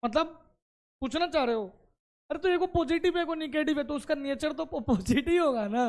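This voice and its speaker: A man's voice: extremely high pitch, normal speed, darkish tone. A man teaching chemistry to a classroom of students. He explains step by step and keeps asking the class questions.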